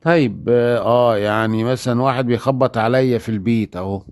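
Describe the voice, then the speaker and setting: Egyptian man teaching with a gravelly voice. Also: mid-range voice, steady tone, fast talker, dry recording, studio quality. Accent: Egyptian Arabic. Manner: acts out little dialogues, asks and answers himself. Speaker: German teacher. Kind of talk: lively teaching monologue.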